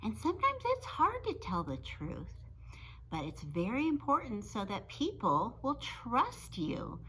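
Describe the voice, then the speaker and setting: A woman teacher reading a children's story aloud in an animated, sing-song storytelling manner. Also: a little high, measured pace, slight background noise, poor audio.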